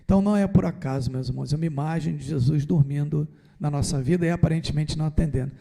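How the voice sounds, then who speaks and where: A man's voice: fairly high pitch, fast, gravelly, warm tone. A man, a parish priest, giving a conversational Sunday homily and acting out pleas to Jesus. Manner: conversational, acts out dialogue with Jesus. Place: church.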